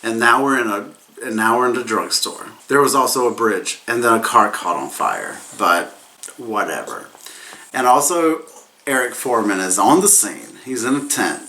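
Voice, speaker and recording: A man's voice: mid-range voice, animated, moderate pace, bright, forceful tone. A man who sounds drunk, giving a casual comedic movie recap as a reviewer, rambling, repeating himself and losing his thread.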